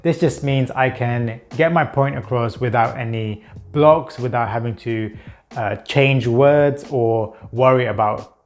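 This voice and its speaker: A young man hosting his personal vlog talks earnestly and reflectively about his week, his mid-range voice a little mellow and his pace measured. A stutter shows in repeated words and occasional blocks.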